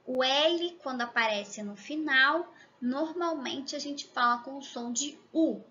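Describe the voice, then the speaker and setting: Bright high-voiced Brazilian teacher from Rio. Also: female voice, muffled recording, slight background noise. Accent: Rio de Janeiro Portuguese. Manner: slow, exaggerated demonstration of pronunciation; chatty, checks in with the viewer often. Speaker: Spanish teacher. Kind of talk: language lesson to camera.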